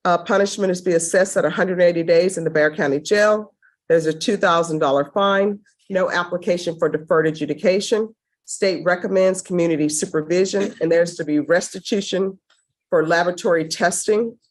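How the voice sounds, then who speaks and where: Woman judge on the bench, brisk and stern, lowish voice, courtroom recording. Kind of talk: formal courtroom proceedings.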